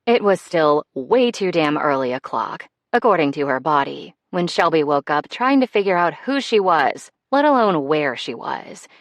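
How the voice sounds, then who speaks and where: A woman's voice: deep voice, dry recording. A woman reading an audiobook in a wry, conversational scripted narration.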